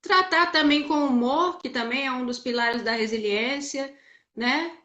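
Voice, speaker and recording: Brazilian woman, guest, casual chat, reflective, high voice, echoey room. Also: unhurried, pushed and bright, highs cut off. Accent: Brazilian Portuguese. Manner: reflective, explains at length.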